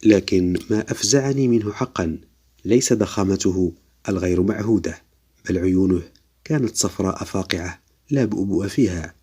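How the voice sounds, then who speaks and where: A man narrates a scripted story in a steady, measured way. His voice sits very low and has a husky edge. He reads evenly from line to line.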